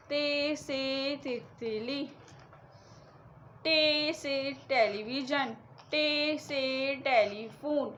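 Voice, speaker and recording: A woman teaching children the Urdu alphabet, drilling each letter and its sound in a slow sing-song, with an Urdu accent. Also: sits high, fairly bright tone, dull audio, a little hiss or hum.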